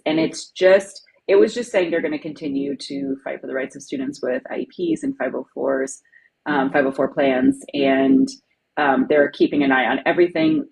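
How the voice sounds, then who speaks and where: Woman, low voice, husky, chatty, frequent laughs, casual live chat. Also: poor audio. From lives in Ohio. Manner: chatty, laughs often, says "like" a lot. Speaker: educational advocate co-hosting a live stream. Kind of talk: casual chat answering viewer comments.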